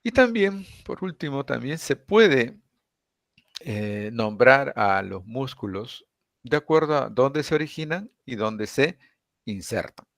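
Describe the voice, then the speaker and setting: A man teaching an introductory anatomy class, explaining step by step and often checking in with quick tag questions. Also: mid-range voice, very animated, vocal fry, fairly bright tone, no echo, clean studio sound. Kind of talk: lecture.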